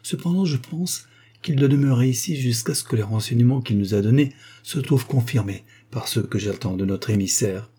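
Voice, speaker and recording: A man's voice: medium pitch, brisk, dark tone, husky, natural voice. A man reading the part of a wealthy, commanding woman in a story, voice slightly raised. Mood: composed.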